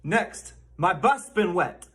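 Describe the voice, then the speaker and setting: A man hosting a comedy channel, sarcastically teaching mock words and drawing them out slowly. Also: high voice, big pitch swings, a bit bright. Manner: sarcastic, slow over-enunciation. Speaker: channel host. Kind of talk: mock-lesson commentary.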